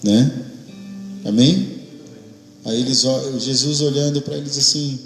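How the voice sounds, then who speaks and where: A man with a Brazilian Portuguese accent preaching a casual, animated devotional sermon to his congregation, often asking "amém?". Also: medium pitch, measured pace, soft background music. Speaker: pastor. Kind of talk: devotional sermon with acted quotes. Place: church hall. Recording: echoey hall with long reverb.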